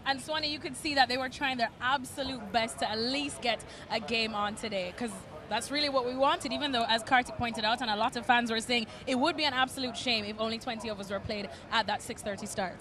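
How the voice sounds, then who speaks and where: A woman presenting a cricket panel in a lively, chatty way, outdoors. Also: on the high side, brisk, few pauses, a crowd in the background.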